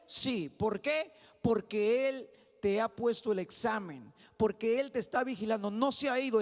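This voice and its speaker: A man preaching a sermon in a church with a Mexican Spanish accent, dropping low and then shouting his exhortations. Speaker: pastor. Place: church sanctuary. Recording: long hall reverb.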